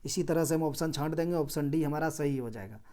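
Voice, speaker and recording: A man teaches reasoning questions for competitive exams in a calm lesson. His voice is dark and mellow, and he explains patiently, asking questions and answering them himself. He repeats his points, and his loudness rises and drops as he explains. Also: a little high, fast talker. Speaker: exam coaching teacher.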